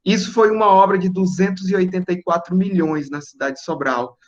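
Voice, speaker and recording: A young man, giving a relaxed, explanatory talk to students and checking in with "né?" and "certo?". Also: sits high, fairly quick, highs cut off, slight background noise. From Northeast Brazil. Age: young adult. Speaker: guest engineer speaking to students. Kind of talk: relaxed presentation over video call.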